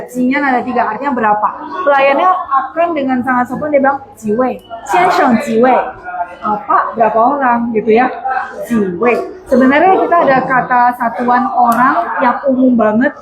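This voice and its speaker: A woman teaching Mandarin in an online class, patiently explaining and modeling polite phrases slowly. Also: high voice, low-quality recording. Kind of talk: online language lesson.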